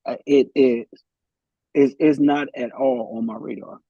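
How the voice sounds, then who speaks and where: A man's voice: a little high, big pitch swings, a little slow, gravelly, dry recording, dull audio. A man, a guest in a live podcast discussion, thinking aloud in a hesitant way with many restarts.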